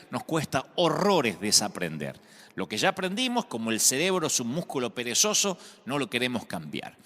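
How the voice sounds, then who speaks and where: An Argentine pastor with an Argentine Spanish accent preaches a sermon, telling stories with humor and emphasis. His voice is fairly high, pushed and bright, and the recording has a long hall reverb.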